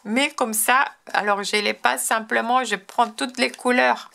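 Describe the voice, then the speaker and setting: A sharp-toned woman's voice on the high side, with vocal fry, fairly even intonation and an unhurried pace. She's a French woman hosting a crafting tutorial, casually and enthusiastically showing her cards while frequently restarting and filling pauses.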